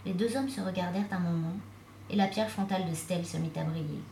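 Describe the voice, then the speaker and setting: A woman reading a novel aloud as narrator, with steady, even storytelling. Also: lowish voice, a little fast, creaky, slight background noise. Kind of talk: audiobook reading. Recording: echoey room.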